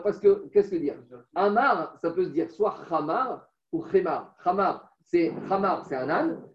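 A man teaching a text study class, chanting text passages aloud and then explaining them with little stories. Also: high-pitched. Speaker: religious teacher. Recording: roomy, distant, dull recording.

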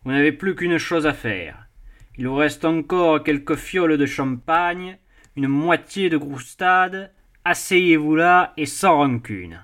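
A man's voice: fairly high pitch, lively intonation, takes it slowly, fairly bright tone. A man voicing a jovial, mocking middle-aged sea captain who teases and laughs as he talks. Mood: mocking amused.

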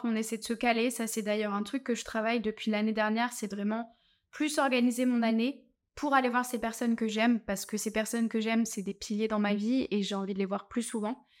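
A young woman from France, giving casual travel advice as a vlogger, chatty with lots of fillers and restarts. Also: fairly high pitch.

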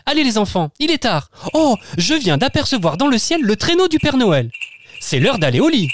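Male reader doing a gentle, soothing mother, higher voice, lively lilt. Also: normal speed, a little hiss or hum. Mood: coaxing.

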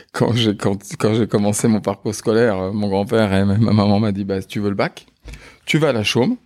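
Speaking at normal speed in a lowish, darkish voice, a man from France in his fifties, who manages a funeral home, chats informally during an interview and fills his speech with hesitant sounds.

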